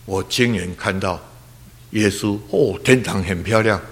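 A man's voice: lowish voice, measured pace. Man around 80, pastor. Earnest testimony with emotional swings. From Taiwan. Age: about 80. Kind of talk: personal testimony.

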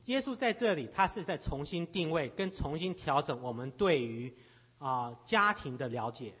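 A husky, fairly high-voiced man interprets a sermon phrase by phrase. He halts and repeats words as he works out each line, keeping pace with the preacher. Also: animated, moderate pace, a bit bright. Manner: hesitant, repeats words while searching for phrasing.

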